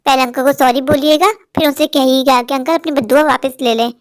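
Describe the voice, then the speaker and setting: A woman voicing a patient cartoon mother who explains things softly and calmly. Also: sits high, brisk, no room sound, clean studio sound, voice pushed down, lightly acted. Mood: gentle. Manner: soft calm explaining.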